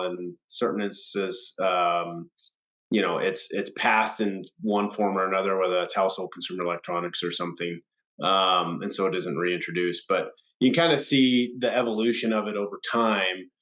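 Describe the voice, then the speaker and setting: Man, nasal and stuffed up, lowish voice, echoey room, webinar talk. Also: fairly even intonation, moderate pace, a bit bright. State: recovering from a cold. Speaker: senior vice president of government affairs. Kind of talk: webinar presentation.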